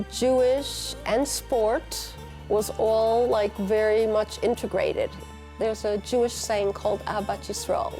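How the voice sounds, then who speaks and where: An older woman talking about her life in an interview, reflective and unhurried. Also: on the high side, mellow. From United States. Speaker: teacher and community leader.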